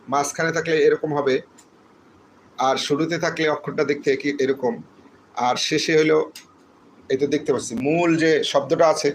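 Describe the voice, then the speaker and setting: A patient man teaches Quran letters step by step, drilling each name over and over. His voice sits a little higher than most men's. A faint hiss of noise runs under the recording. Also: rough recording. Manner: patient, repeats letters for listeners to say along. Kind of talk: slow step-by-step lesson with drilled letter names.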